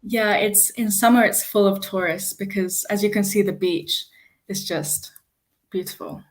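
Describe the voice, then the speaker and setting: A young woman in her late teens answers interview questions with a medium-pitched voice. She sounds modest and easygoing, with a relaxed, friendly way of talking. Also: a little slow. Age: young adult. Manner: modest, easygoing, laughs lightly. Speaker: guest singer-songwriter.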